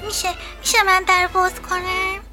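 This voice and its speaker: A man's voice: very high-pitched, completely flat delivery, music in the background, pitched above the performer's own voice. A man doing a tiny stubborn girl kitten. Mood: childlike. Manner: small, eager, childlike. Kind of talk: children's storybook voice acting.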